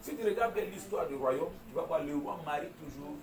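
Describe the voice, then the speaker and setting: A man preaching a sermon as pastor, animated, with call-and-response and laughing asides. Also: fairly high pitch, fairly quick, background noise. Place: large church hall. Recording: echoey church hall, far from mic, congregation. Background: congregation responding.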